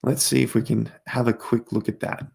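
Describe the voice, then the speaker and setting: A man hosting a casual crypto livestream, talking straight to viewers as he walks through charts, his voice going hoarse with coughs. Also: mid-range voice, flat delivery, a little fast, darkish tone. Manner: chatty, talks straight to viewers while walking through charts. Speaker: crypto market host.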